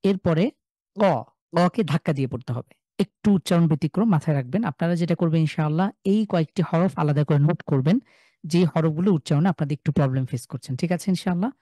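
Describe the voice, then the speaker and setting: A young man with a Bangladeshi Bengali accent, teaching an online class and sounding out each letter slowly and loudly before explaining it. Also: on the high side, no room sound. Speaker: Quran recitation teacher. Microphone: video call.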